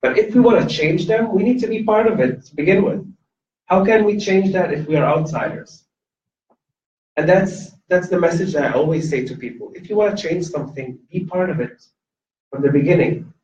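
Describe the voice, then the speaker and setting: Invited to speak at a campus event, this earnest Lebanese man, whose mother tongue is Arabic, delivers a passionate personal testimony marked by halting restarts and fillers. His high-pitched, slightly mellow voice echoes through a university hall, sounding dull and distant over faint background noise.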